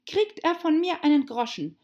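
A woman's voice: sits high, lively intonation, normal speed, darkish tone, dull audio, pitched above the performer's own voice. A woman voicing a bold young girl who speaks bluntly in a storybook reading. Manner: blunt, matter-of-fact.

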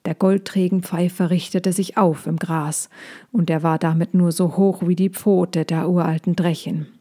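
A woman reading a children's story aloud in a calm, unhurried manner. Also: lowish voice.

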